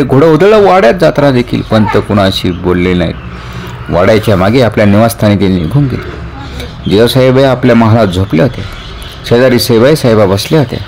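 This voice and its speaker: A man's voice: mid-range voice, darkish tone, slight background noise. A man narrating a historical story dramatically, lifting his voice at tense moments. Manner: dramatic, rising with tension, reverent at the close.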